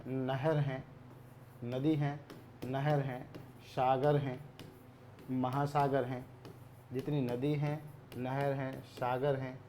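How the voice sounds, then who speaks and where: A male teacher giving a grammar lesson, asking questions and answering them himself, repeating key words, often clearing his throat. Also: mid-range voice, warm tone, slight background noise.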